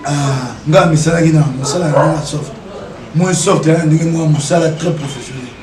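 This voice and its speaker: A man's voice: on the high side, normal speed, reverberant, distant mic, a crowd in the background. A man, talking as an interview guest, emphatic and repeating his rhetorical questions. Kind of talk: animated interview talk, mixing French and Lingala.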